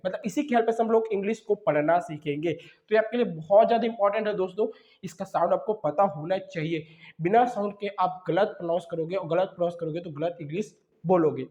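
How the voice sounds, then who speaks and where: A young man, unwell, teaching English reading from slides, who drills syllable blends slowly and talks fast between sets. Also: sits high, roomy sound. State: unwell, coughing. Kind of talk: slide-based phonics lesson.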